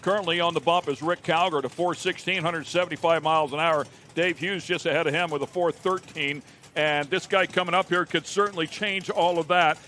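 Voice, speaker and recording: A man's voice: on the high side, fairly even intonation, brisk, bright, forceful tone. A man giving live motorsport commentary from the booth. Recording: faint track and engine noise.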